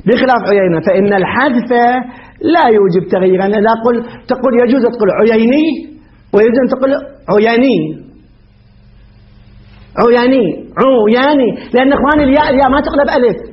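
Grammar teacher: man, high voice, quizzes and answers himself, dull lo-fi audio. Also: racing. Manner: asks questions and answers them himself. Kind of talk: classroom lecture. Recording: dull lo-fi recording.

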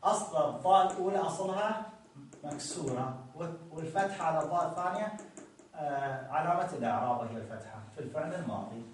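Guy teaching grammar, slow and repetitive, kinda high voice, super echoey room and he's off the mic. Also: animated, far from the mic, slight background noise. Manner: slow, repetitive explaining with frequent checks. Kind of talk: Arabic grammar lesson.

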